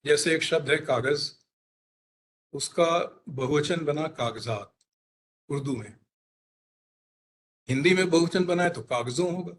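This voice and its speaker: A man, a linguistics expert, explaining pronunciation in a deliberate teaching manner, spelling out and repeating his examples. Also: on the high side, a little hiss or hum. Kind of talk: explanatory career talk.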